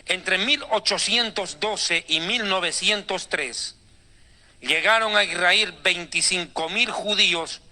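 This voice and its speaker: A male preacher delivers a dramatic, sarcastic sermon. His voice sits high and rings with a very bright, forceful edge.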